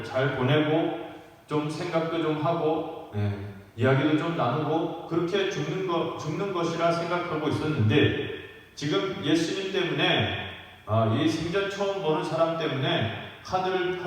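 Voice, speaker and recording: A man preaching a sermon as pastor, in a conversational, emphatic way with frequent fillers. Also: on the high side. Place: church sanctuary. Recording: echoey church hall, voice from far off.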